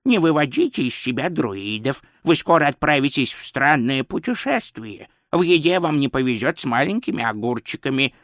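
A man's voice: medium pitch, sing-song, normal speed, hardly any pauses, no echo, clean studio sound, close to an everyday voice. A man voicing a nervous, fussy court astrologer in an audiobook, hesitant and pedantic. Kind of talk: audiobook character voice.

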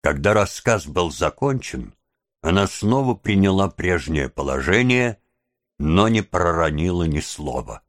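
A male audiobook narrator reads with a measured, even storytelling delivery. His voice is extremely deep and his pace is slow. He was recorded on a close studio mic in a dry space with no echo. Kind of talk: scripted narration.

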